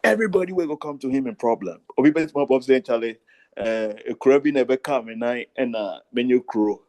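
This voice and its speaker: A man's voice: medium pitch, a little fast, darkish tone. A man with a Ghanaian accent chatting casually in a Rastafari reasoning manner, mixing Pidgin-flavoured English with Twi. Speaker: participant in an online Rastafari discussion. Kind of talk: casual chat.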